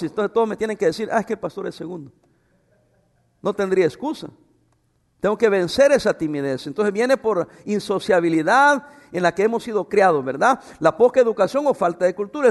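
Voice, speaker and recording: A middle-aged man preaching a sermon as a pastor, animated, with humorous asides to the congregation. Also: high voice, gravelly. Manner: animated, acts out voices in quotes. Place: church hall. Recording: long hall reverb.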